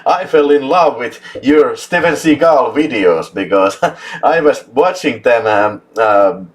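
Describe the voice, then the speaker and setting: A man's voice: mid-range voice, lively intonation, slow pace. A man with a Finnish accent hosts a casual live chat with lots of energy. He laughs often and drops swear words for emphasis. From Finland. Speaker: host.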